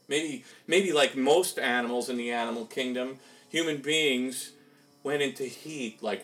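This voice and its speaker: A man's voice: medium pitch, fairly bright tone, rough recording. A man preaching a sermon in a conversational way, asking rhetorical questions as he goes.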